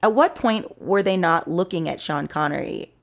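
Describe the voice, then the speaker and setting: Jokey woman with a lowish voice, quipping. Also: animated, moderate pace, vocal fry. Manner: jokey, laughs often, chimes in with quips. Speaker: podcast co-host. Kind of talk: casual chat, joking commentary.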